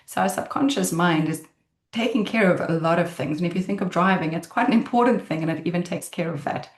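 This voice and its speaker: A woman giving a conversational talk on the mind, animated and acting out inner thoughts in quoted voices, speaking into a computer mic on a video call. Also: fairly low pitch, brisk. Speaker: mindset speaker. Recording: roomy echo.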